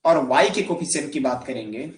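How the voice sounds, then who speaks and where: A man's voice: mid-range voice, expressive, fairly quick, roomy sound. A man giving a math lecture in Hindi, asking his students questions and answering them himself. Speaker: math teacher. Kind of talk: classroom lecture.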